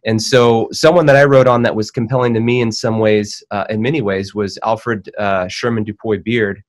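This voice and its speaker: A man's voice: on the low side, steady tone, moderate pace. Thoughtful man telling a life story. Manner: thoughtful, many fillers and restarts. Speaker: panel guest, biography writer. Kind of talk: conversational panel discussion.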